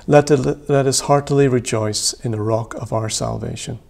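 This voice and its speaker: Solemn man reading liturgy, gravelly edge. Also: medium pitch, fairly even intonation, a little mellow. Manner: measured, solemn reading aloud. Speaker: priest leading worship. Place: small church room by a window.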